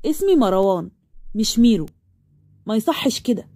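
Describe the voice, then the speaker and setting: A woman's voice: on the high side, sing-song, normal speed, warm tone, dry recording, studio quality. A woman voicing a cold, irritable young man with an Egyptian accent, talking curtly. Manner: cold, curt, exasperated.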